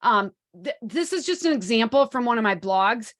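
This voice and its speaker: A woman's voice: on the high side, expressive, normal speed, a bit bright, dry recording, studio quality. A woman in her forties presenting a live webinar in an upbeat, chatty way, with plenty of ums, speaking into a computer microphone. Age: 40s. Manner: upbeat, chatty, many fillers.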